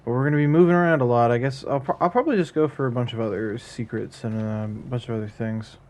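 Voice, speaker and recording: A man's voice: medium pitch, fast talker, darkish tone. A man giving casual, chatty commentary as he streams a video game, muttering at it when it goes wrong.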